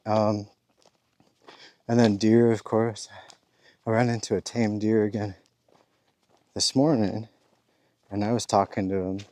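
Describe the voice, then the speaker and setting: Man, deep voice, easygoing hiker vlog, talks while walking outdoors. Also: little pitch movement, slow pace, pauses often, a little mellow. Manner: rambling, easygoing, with chuckles. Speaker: thru-hiker vlogger. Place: outdoors on a forest trail.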